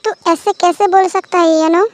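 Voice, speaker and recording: A woman's voice: extremely high pitch, fairly even intonation, normal speed, a little mellow. A woman voicing an indignant young wife. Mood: hurt, indignant. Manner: indignant, reproachful. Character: young wife, emotional and quick to anger.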